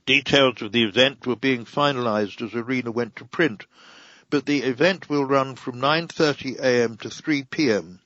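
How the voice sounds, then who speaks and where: A man giving a careful, scripted reading of a local council magazine, slowly spelling out addresses. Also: medium pitch, fairly bright tone, no echo. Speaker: audio magazine reader. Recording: dry, dull lo-fi recording.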